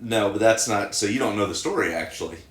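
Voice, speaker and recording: Bright-voiced father with dry humor. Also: lowish voice, expressive, quick pace, reverberant. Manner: hesitant, dry joking. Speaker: co-host, father. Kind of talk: casual chat.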